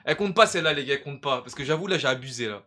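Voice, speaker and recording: A man streaming a video game live, commenting excitedly and calling out loudly to his viewers. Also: medium pitch, rapid-fire. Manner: excitable, loud outbursts to viewers.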